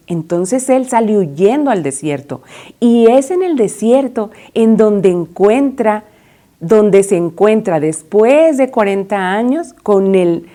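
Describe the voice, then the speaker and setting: Mellow-voiced woman telling a Bible story. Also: medium pitch. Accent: Mexican Spanish. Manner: storytelling, asks the children questions. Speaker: children's Bible teacher.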